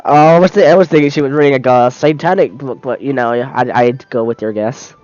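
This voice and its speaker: A man streams a game in a casual let's-play, reading its text aloud, frequently stumbling and restarting mid-word, and laughing easily. His voice is mid-range, fairly quick and darkish, picked up on a dry close mic with dull lo-fi sound and faint music behind.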